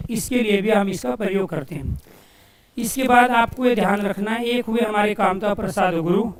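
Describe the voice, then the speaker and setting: A male coaching teacher giving a Hindi grammar lesson for exam students, asking questions and answering them himself and repeating key phrases slowly as if dictating. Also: high-pitched, reverberant, far from the mic. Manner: addresses listeners as dear friends.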